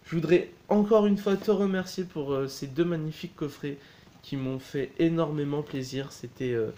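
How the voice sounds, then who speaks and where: This is a casual unboxing chat: a man with a fairly high, mellow voice presents a DVD box set at normal speed, speaking hesitantly and often correcting himself. A slight hiss or hum can be heard.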